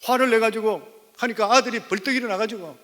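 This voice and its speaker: Pastor, man in his 50s, high bright voice, preaching in a church with long reverb. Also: quick pace. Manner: storytelling sermon, rising to emphatic exhortation. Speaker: senior pastor. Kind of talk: sermon. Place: church sanctuary.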